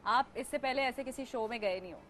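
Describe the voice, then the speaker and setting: A woman from Pakistan hosts a relaxed talk show. Her voice sits a bit high and she keeps things playful, laughing often and slipping into English mid-sentence. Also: a little fast, a little hiss or hum. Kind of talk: casual talk show chat.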